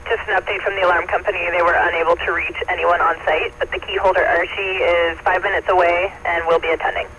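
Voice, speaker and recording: A fire dispatcher speaking over a two-way radio in a measured, even way, repeating back each call and reading out the times. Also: mid-range voice. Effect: heard over a two-way radio. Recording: muffled noisy radio channel.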